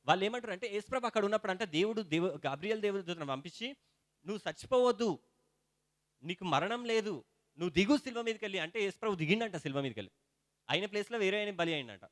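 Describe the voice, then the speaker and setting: Young preacher, high voice, dry close sound, rising to loud hallelujahs. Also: male voice, no room sound. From India. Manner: lively preaching, builds to loud "hallelujah" calls. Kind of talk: sermon.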